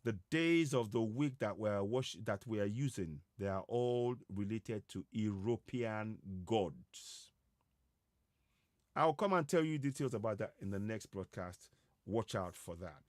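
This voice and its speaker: Speaking live to viewers, an online broadcast host from Yorubaland, West Africa, native in Yoruba, gives an advocacy monologue in a lowish voice with lively intonation. He moves slowly and haltingly, hesitating and repeating himself a lot. The clean studio sound carries no echo.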